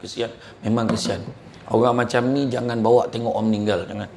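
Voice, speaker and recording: A man giving a live motivational talk, telling religious stories and anecdotes in an animated, colloquial and joking way. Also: mid-range voice, fast, vocal fry, background noise. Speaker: motivational speaker.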